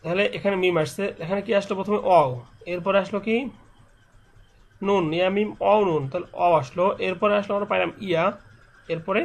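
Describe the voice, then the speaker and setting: Patient man teaching recitation, slightly high. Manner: patient, repeats each letter and rule slowly; drawn-out nasal sounds when demonstrating recitation. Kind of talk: step-by-step recitation lesson.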